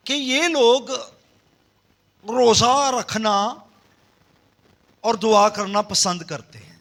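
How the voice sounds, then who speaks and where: A man preaching a sermon, leading the congregation in call-and-response and swinging between loud emphasis and soft low passages. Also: very slow. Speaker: pastor.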